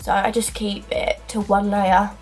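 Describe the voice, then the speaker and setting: Here the same cold-stuffed young woman, medium-pitched with a level, somewhat dark tone, rambles chattily with plenty of fillers as she does her makeup for a casual tutorial. Her camera sits at arm's length in a small indoor dressing corner of a bedroom, and quiet music plays behind her.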